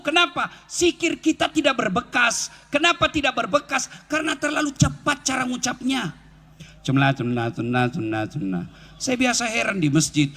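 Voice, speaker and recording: Man, preacher, high voice, bright tone, joking sermon, outdoor gathering. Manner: joking, lively, breaks into song.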